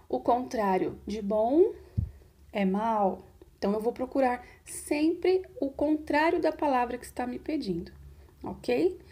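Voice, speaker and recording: A woman's voice: on the high side, warm tone. A woman from Brazil, a primary school teacher, patiently explaining a recorded lesson to children step by step.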